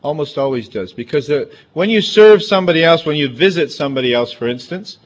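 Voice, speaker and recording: An animated pastor preaches briskly in a fairly high-pitched voice, his sermon chatty and crowded with asides. He sounds big and emphatic. The recording is dull and lo-fi.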